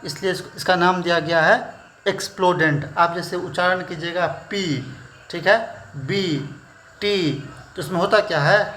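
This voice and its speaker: A man teaching a shorthand class, explaining slowly and checking in with "theek hai" after every point. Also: high-pitched, a bit bright, a little hiss or hum. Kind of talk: classroom lesson.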